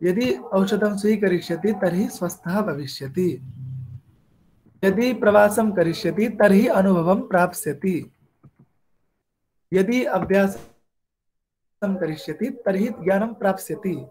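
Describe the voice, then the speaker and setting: High-voiced man teaching a Sanskrit lesson. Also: darkish tone, slight background noise. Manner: explains in Hindi between slow spoken Sanskrit examples; asks the class questions and answers them himself. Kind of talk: online language lesson.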